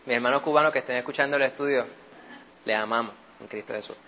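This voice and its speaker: A man's voice: medium pitch, fast talker, bright, forceful tone, dull audio, a little hiss or hum. A Puerto Rican man leading a Bible study in a conversational teaching style, often checking in with his listeners. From Puerto Rico. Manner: keeps asking listeners for assent.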